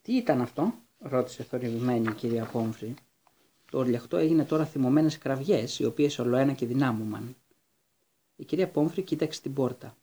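A man reading a storybook aloud as narrator, in a steady, measured way. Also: medium pitch. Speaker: audiobook reader.

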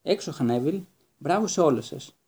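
A man reading a storybook aloud and giving a middle-aged male teacher a brighter, brisker voice that calls out encouragement to pupils. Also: on the high side, animated, breathy edge. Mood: encouraging.

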